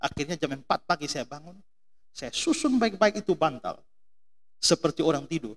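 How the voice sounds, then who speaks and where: A man's voice: on the high side, normal speed. A middle-aged man from Indonesia preaching a sermon, telling stories and firing questions at the congregation. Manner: animated storytelling, mimics voices, asks congregation questions. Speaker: pastor.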